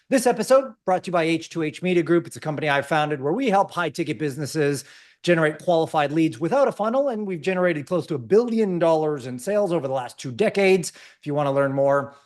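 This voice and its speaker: A man hosting a podcast interview, chatty and enthusiastic. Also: a little high. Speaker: podcast host.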